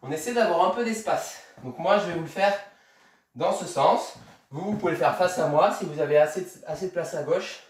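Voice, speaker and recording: A man's voice: a little high, fairly quick, very echoey, distant mic. A man coaching children through a tennis workout, counting reps aloud and encouraging them while he demonstrates. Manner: moving while talking, demonstrating exercises. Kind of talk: instructing a kids' home tennis workout.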